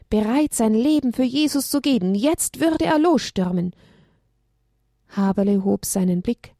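A woman reading a children's story aloud, expressive and dramatic. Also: medium pitch, no echo, studio quality.

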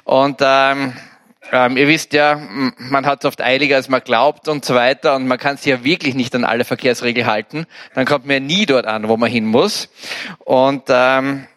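A man with an Austrian German accent preaching a sermon, telling lively stories with jokes and acted-out quotes. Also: mid-range voice, moderate pace. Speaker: pastor.

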